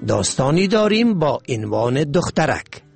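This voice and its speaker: A man with an Afghan Dari accent presenting a radio magazine, reading essays and stories in a formal, measured way. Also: fairly high pitch, very animated, vocal fry, slightly rough, faint music behind. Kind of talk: scripted radio narration.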